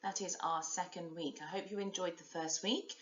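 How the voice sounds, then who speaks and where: A woman around forty teaching a recorded French lesson. She models each sound clearly and prompts learners to repeat it. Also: on the low side, fairly even intonation, normal speed, fairly bright tone. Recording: roomy, dull lo-fi recording.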